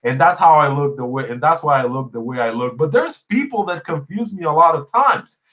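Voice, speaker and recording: A man's voice: a little high, expressive, fairly quick, pushed and bright. A man with a Puerto Rican accent and Spanish as his first language hosts a casual chat, telling stories emphatically and repeating phrases for effect. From Puerto Rico. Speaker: podcast host and small YouTuber. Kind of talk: casual chat answering live viewer comments.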